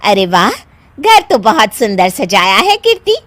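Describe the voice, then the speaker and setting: A woman voicing gossipy middle-aged women friends in a cartoon story, chatty and flattering. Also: medium pitch, measured pace, no echo.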